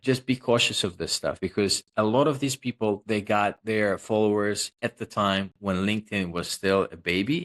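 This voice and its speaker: A man from Russia, appearing as a guest social selling consultant, chats in a casual interview with a fairly low, slightly bright voice. His delivery is loose and jokey, full of fillers, and he likes to promote himself.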